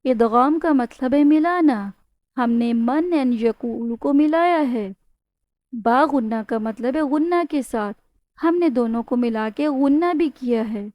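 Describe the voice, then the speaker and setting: Her voice sits high as she teaches Tajweed, walking students through it patiently and quizzing them along the way. Demonstration words get stretched out with a humming nasal sound; the audio is dull with no room sound.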